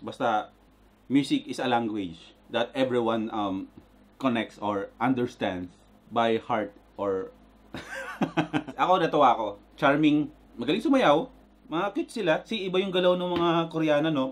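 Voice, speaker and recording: Excitable Filipino man reacting casually. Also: mid-range voice. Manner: excitable, bursts into loud exclamations, mixes Tagalog and English. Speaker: reaction video host.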